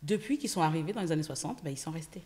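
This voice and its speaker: A woman from Senegal, a guest entrepreneur, telling stories in a casual interview, lively, with many fillers. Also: low voice, racing. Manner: lively storytelling with frequent fillers. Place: podcast studio.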